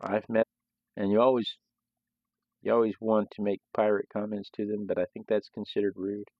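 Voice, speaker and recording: A man with a lowish voice, little pitch movement and a moderate pace hosts a live sketching stream, chatting casually as he draws. His talk is loose and rambling, with frequent restarts. The sound is dull and lo-fi, with no room sound.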